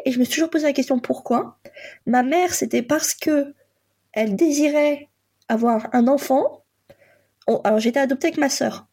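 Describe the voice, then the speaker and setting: Her voice sits high with a dark tone. She's a guest from Poland in her forties, a coach and psychotherapist, reflecting on her own life in personal testimony. Her delivery is halting, broken up by frequent pauses and fillers.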